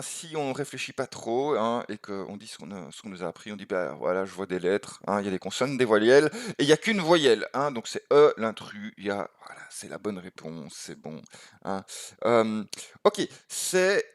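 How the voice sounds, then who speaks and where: A man's voice: mid-range voice, dry recording, studio quality. A man teaching a creativity course, thinking aloud and tagging phrases with "hein" and "ok". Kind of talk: recorded lecture over slides.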